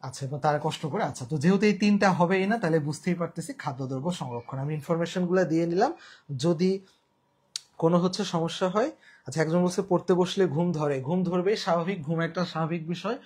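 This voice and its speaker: A man with a Bangladeshi Bengali accent teaches a live online exam-prep class in a slightly high, mellow voice with a breathy edge. He talks briskly and colloquially, mixing in English words as he repeats key terms and quizzes viewers.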